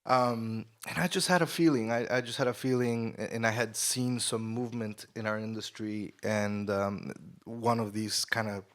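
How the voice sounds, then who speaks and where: Ecuador-born man, low voice, relaxed and rambling panelist on a handheld mic. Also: normal speed, hardly any pauses. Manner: relaxed, with many fillers and restarts. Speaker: panelist, studio manager and engineer. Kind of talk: conference panel talk. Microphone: shared handheld mic.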